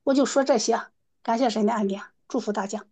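A woman's voice: fairly high pitch, quick pace, dark tone, breathy edge. A woman giving a spoken church testimony, retelling conversations and repeating phrases of praise.

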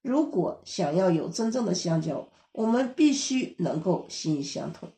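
Woman preacher, steady explanatory sermon delivery, mellow voice, echoey room. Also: on the low side, normal speed. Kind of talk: sermon teaching.

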